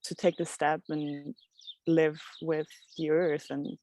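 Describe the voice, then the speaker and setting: A woman from Switzerland, a podcast guest speaking outdoors in a reflective, halting way. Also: low-pitched, little pitch movement. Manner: soft, reflective, halting with restarts. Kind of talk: casual interview chat. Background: birdsong.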